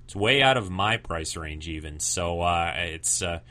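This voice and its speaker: A man's voice: deep voice, animated, unhurried, bright, forceful tone. A man hosting a show with casual, rambling commentary, informal and a bit hesitant. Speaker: podcast host.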